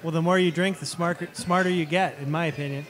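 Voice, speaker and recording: A man's voice: fairly high pitch, fairly even intonation, fast talker. A man hosting a casual beer show from a studio, chatting loosely with lots of fillers. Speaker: show host.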